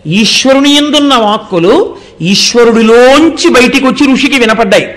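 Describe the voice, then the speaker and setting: A man's voice: very high-pitched, moderate pace, a bit bright. A man delivering a devotional sermon, explaining through rhetorical questions and recited verses. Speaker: religious discourse speaker.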